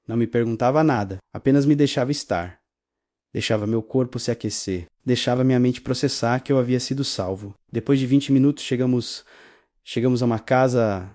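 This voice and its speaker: A man's voice: medium pitch, warm tone, dry recording, studio quality. Solemn Brazilian man narrating. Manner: solemn, emotional first-person retelling. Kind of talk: scripted story narration.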